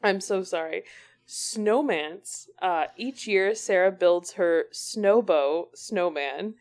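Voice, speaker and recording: A woman's voice: lowish voice, takes it slowly, a little mellow. A woman co-hosting a podcast, chatting casually, laughing often, and reading blurbs aloud. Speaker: podcast co-host. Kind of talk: casual chat.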